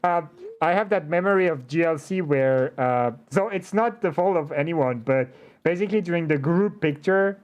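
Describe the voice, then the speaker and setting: A man hosting a casual conversational interview, talking in an animated but hesitant way with slightly unidiomatic phrasing. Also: a little high, normal speed, muffled recording. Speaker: interview show host.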